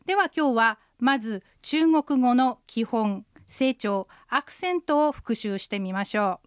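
A woman co-hosting a radio language lesson, speaking clearly and carefully and repeating sounds for learners. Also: on the high side, measured pace, dry recording, clean studio sound.

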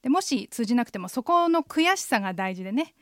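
A woman hosting a radio language lesson, calmly guiding listeners through the phrases. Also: fairly high pitch, fast, dry recording, clean studio sound.

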